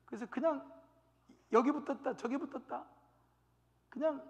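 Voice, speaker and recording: High-voiced male pastor in a reverberant church hall. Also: normal speed. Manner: lively storytelling with rhetorical questions, acts out scenes. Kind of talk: Bible study sermon. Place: church sanctuary.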